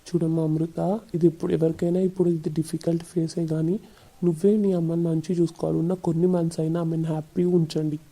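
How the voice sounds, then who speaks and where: A woman voicing a calm, kindly doctor in a cartoon, who talks in a gentle, reassuring way. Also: deep voice, quick pace, slightly rough.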